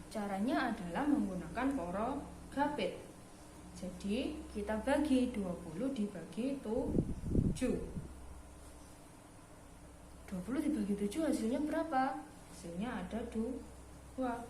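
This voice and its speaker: Patient woman teacher in an echoey room. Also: on the high side. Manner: slow, patient explaining with frequent "nah". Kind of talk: primary school math lesson. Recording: echoey room with background noise.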